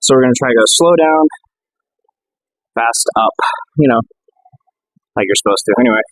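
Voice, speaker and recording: A man narrates his gym session in a loose, chatty way, full of ums and easy asides. He sits at a middling pitch and sounds a little winded between sets. The sound is dry and close, with no room around it. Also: moderate pace, no room sound, poor audio. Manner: laid-back, chatty, lots of fillers. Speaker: fitness vlogger. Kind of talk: casual gym vlog.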